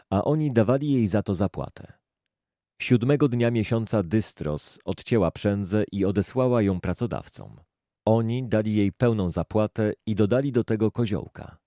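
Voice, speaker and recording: A man reading scripture aloud in a slow, measured, solemn way. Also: on the low side, dark tone, no room sound, studio quality. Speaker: scripture reader.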